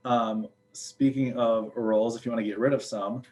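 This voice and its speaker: A man's voice: mid-range voice, fairly even intonation, moderate pace, darkish tone, low-quality recording. A young man, a student ambassador chatting casually with lots of fillers and jokes. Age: young adult. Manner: chatty, filler-heavy, joking. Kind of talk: casual chat.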